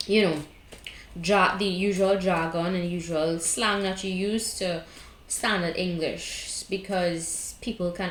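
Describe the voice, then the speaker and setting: Giving a reading in a reverberant space, a Trinidadian-accented woman offers casual spiritual advice as a tarot card reader. She has a mid-range voice, talks bluntly and keeps asking "okay?" and "right?"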